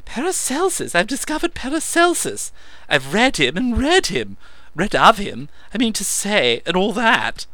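A shrill, manic alchemist. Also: male voice, measured pace, dry recording, full character voice. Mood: excited. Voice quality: shrill, squeaky. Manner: breathless excited blathering.

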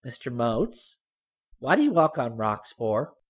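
A man's voice: mid-range voice, very animated, unhurried, breathy edge, voice pushed up. A man reading a story voices a prying, persistent middle-aged landlady with a wheedling, badgering manner.

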